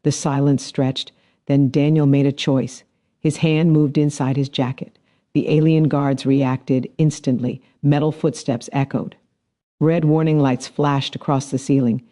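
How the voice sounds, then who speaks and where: Mellow male story narrator. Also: mid-range voice, flat delivery. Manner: measured, dramatic storytelling. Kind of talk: scripted narration.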